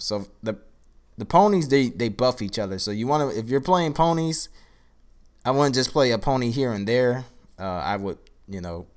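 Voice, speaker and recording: A man's voice: fairly low pitch, a little mellow. A tired, groggy man on a casual live stream, showing off his card game and thinking aloud as he rambles through each card. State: groggy, tired from a long day.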